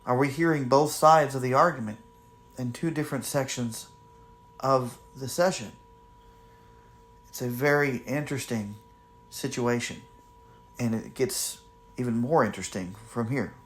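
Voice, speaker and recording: A man hosting a spirit box session, commenting to viewers in deliberate, halting phrases with pauses. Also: mid-range voice, steady tone. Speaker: paranormal investigator and host.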